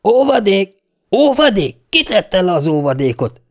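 A man voicing a blunt, scornful male police officer who shouts in fury. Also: mid-range voice, clean tone, natural voice. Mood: furious.

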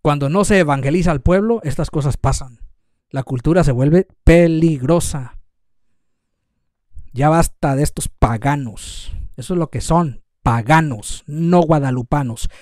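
A man's voice: a little high, unhurried, darkish tone, no room sound, clean studio sound. Fiery Mexican preacher man scolding. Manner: scolding, emphatic repetition. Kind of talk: fiery livestream sermon.

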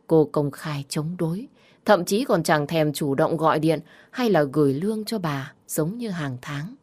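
A woman narrating an audiobook story in a steady, measured reading voice. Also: sits low, husky.

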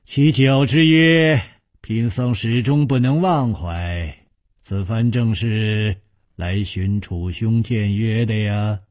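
Male storyteller doing a genial, polished monk, low, gentle and unhurried. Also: no echo, clean studio sound. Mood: courteous, genial. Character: calm, genial Buddhist monk, refined man.

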